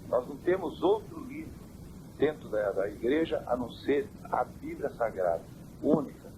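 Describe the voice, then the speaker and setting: Man, church elder, measured preaching answers, old cassette with heavy hiss, mid-range pitch. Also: huge pitch swings. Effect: old worn cassette tape. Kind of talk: interview answers. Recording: hissy worn cassette tape.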